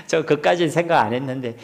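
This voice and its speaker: A middle-aged male pastor with a slightly high voice and a Gyeongsang Korean accent delivers an expository sermon in a church hall. He poses questions to the congregation and sometimes drops to near-whispers.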